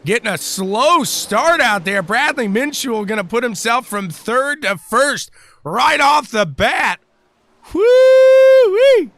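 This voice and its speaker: A man calling a sim-racing event live, chatty and excitable, hollering between calls. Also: very high voice, a little slow. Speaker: race commentator.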